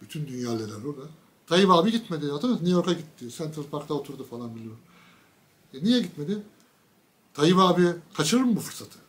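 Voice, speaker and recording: Mocking, ranting man with a higher voice. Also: sing-song, fast. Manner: mocking, ranting, with sudden loud bursts and low asides. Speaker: political commentator. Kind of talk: casual political monologue to camera.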